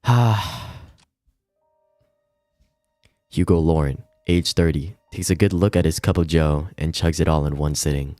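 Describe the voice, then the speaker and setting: Reading a visual novel aloud on a laid-back livestream, a man with a very deep, mellow voice keeps a moderate pace, with studio-quality sound. He stumbles here and there and reacts with giggly asides, while music plays and the room echoes.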